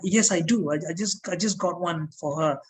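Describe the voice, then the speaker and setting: A man's voice: on the high side, normal speed, darkish tone, close to an everyday voice. A man voicing a frightened mother who stammers out panicked questions. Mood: anxious. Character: frightened mother rushing to her hurt daughter.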